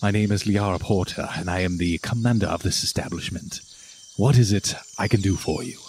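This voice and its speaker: A man voicing a stoic older woman who commands a fort, speaking in a formal, measured way. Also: low voice, fairly even intonation, gravelly, a little mellow, slight background noise.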